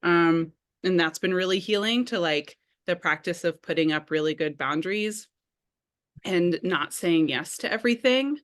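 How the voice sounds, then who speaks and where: A woman's voice: fairly low pitch, normal speed. A woman speaking candidly and thoughtfully in a community group meeting, with fillers. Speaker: community arts meeting participant. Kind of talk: casual sharing in a group meeting.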